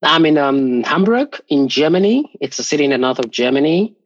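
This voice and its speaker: A man from Cameroon, a guest in a podcast interview, answering in a relaxed, thoughtful way with small pauses. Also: a little high, no room sound. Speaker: guest, foundation founder. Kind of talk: conversational interview. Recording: dull dry sound.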